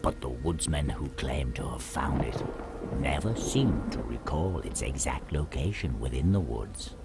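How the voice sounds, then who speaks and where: A man narrating a dark folk-tale game as a solemn storyteller, in a hushed, measured, gravelly voice. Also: expressive, heavily acted. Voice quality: very deep gravelly voice. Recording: music behind the voice.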